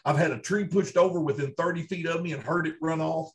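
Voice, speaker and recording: Higher-pitched Kentucky man, folksy storyteller. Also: steady tone, quick pace. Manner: folksy, emphatic, repeats himself for emphasis. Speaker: interview guest, Bigfoot researcher. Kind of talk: conversational first-hand storytelling.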